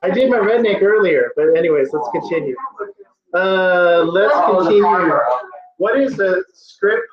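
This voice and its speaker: A man's voice: high voice, lively intonation, measured pace. A man teaching an online test-prep class, playfully quizzing his students on word roots. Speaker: tutor. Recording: echoey, dull lo-fi sound.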